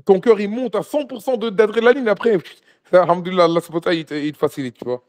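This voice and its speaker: A man's voice: high voice, very fast, a little mellow. A man guest telling a travel-guide story in a casual interview, acting out dialogue with many restarts.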